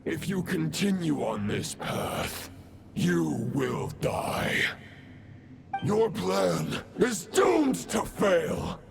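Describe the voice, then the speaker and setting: A male actor voicing a fallen knight spirit in a video game, a grandiose chivalrous villain with a gravelly voice and formal, archaic, pompous delivery. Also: fairly high pitch, very animated, drawn-out words, exaggerated voice. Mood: commanding, menacing. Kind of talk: theatrical video game acting. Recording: loud music under the voice.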